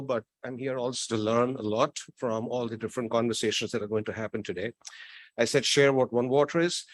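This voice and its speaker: A Tanzanian man gives a conversational conference presentation in a conference hall. His voice is mid-range with no room sound, and he adds light jokes while frequently restarting his sentences.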